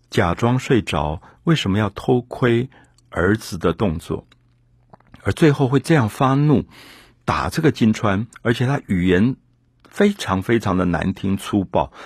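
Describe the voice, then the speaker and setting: A man with a low, husky voice gives an earnest literary lecture, thinking aloud and leaning on key words. The sound is close and dry, with no room around it. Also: no echo.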